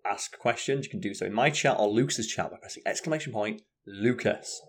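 Brisk and a little breathy, this lowish male voice belongs to an Englishman co-hosting a home live stream. His chat is loose and wandering, with plenty of swearing.

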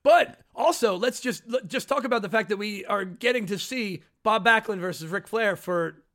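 Podcast co-host: man with a high, bright voice, giggly, teasing banter. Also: normal speed. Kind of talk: casual chat over a live watch-along.

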